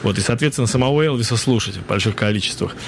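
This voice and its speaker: A man's voice: fairly low pitch, very fast, creaky, a little hiss or hum. A man hosting a live radio show in casual chat, with playfully courtly, hesitant phrasing. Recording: music playing behind the voice. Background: music.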